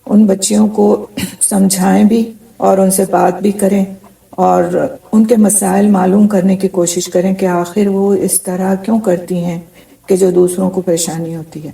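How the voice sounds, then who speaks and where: A woman's voice: mid-range voice, level tone, vocal fry, mellow, far from the mic, poor audio. A middle-aged woman giving a Quran commentary lecture, telling stories from her teaching in an earnest way.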